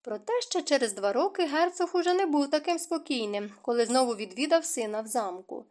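A woman reading a novel aloud as an audiobook narrator, in a steady, expressive manner. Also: high-pitched, fairly quick.

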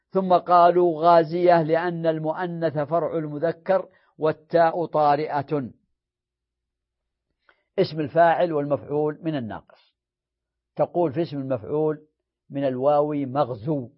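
A man, a sheikh, teaching an Arabic morphology lesson. He chants verb forms in a drill, explains them more quietly, and corrects himself as he goes. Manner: recites paradigms in a sing-song drill, then explains in a lower voice; corrects himself mid-sentence. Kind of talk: classroom grammar lesson. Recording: dull lo-fi lecture recording.

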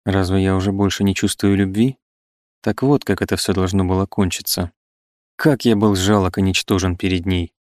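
A man's voice: sits low, fairly even intonation, moderate pace, darkish tone, no room sound, clean studio sound, close to an everyday voice. A man doing a flustered, pleading young idealist. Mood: rueful. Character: self-doubting young male idealist, eloquent, wavering.

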